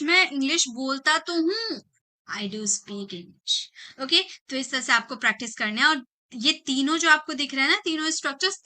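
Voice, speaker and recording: A woman teaching a beginners' English lesson, repeating each example and saying the English lines slowly. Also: high voice, sharp tone.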